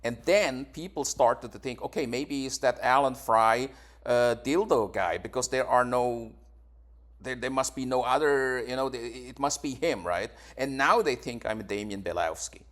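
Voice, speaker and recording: A YouTuber from Switzerland, in his forties, is being asked questions in a casual interview and replies defensively, with repeated words and restarted sentences. He speaks at a normal speed in a mid-range, fairly bright voice.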